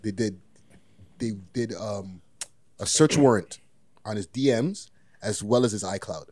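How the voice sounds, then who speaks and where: A man's voice: lowish voice, unhurried, darkish tone, no echo, studio quality. A man hosting a podcast in casual, slangy talk, often repeating his phrases. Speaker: podcast host.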